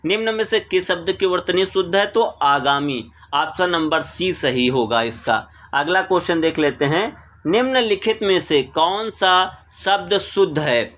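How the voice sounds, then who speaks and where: A man's voice: fairly high pitch, a bit bright. A man teaching exam questions, reading each question, repeating it and explaining the answer. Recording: screen recording voice-over.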